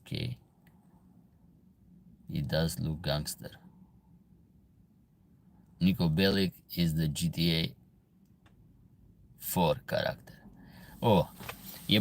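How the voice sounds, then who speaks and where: A man's voice: sits low, gravelly. A man from Albania with an Albanian accent, chatting casually on a livestream as he reads viewer comments aloud and answers them. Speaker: livestream host, veterinarian.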